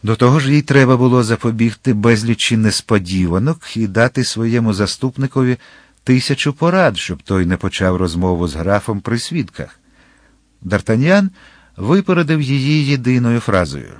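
A man narrating a classic novel as an audiobook in a measured, expressive reading. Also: mid-range voice, dry recording, studio quality.

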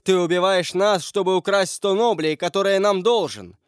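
A man's voice: a little high, fairly quick, darkish tone, no echo, studio quality, lightly acted. A man reading an audiobook, voicing an old moneylender who pleads and bargains. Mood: accusing. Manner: imploring, pleading. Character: old fearful Parisian moneylender, begging.

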